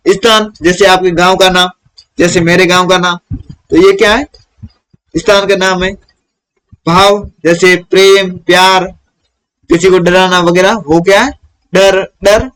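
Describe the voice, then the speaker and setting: A man's voice: sits high, a bit bright, rough recording. A man teaching a primary school lesson to children, who asks questions and answers them himself.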